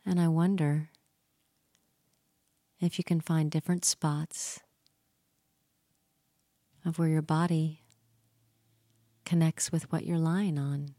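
A woman leading a guided relaxation and hypnosis session, speaking slowly and soothingly with gentle repetition and some soft whispered phrases. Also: low-pitched, flat delivery, dry recording, clean studio sound.

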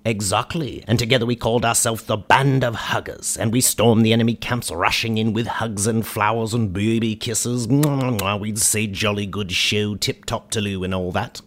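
An actor playing a goofy, cheerful ghost of a warlord in a comedy radio sketch, talking in a whimsical, rambling way. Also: male voice, on the low side, steady tone, normal speed, few pauses, natural voice. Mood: jolly. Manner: whimsical, rambling, sing-song.

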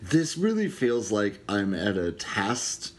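Teasing guy cohost, lively voice, goofy and loose. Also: on the low side, slow pace. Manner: joking, teasing. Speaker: podcast co-host. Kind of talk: casual chat.

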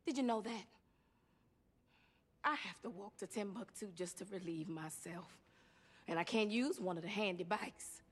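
An actress delivering an impassioned, indignant speech, forceful and at times rising to shouts. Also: female voice, medium pitch, normal speed, long pauses, breathy edge, natural voice.

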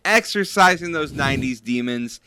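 Lively male sports radio co-host. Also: medium pitch, moderate pace, noisy background. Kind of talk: casual sports talk.

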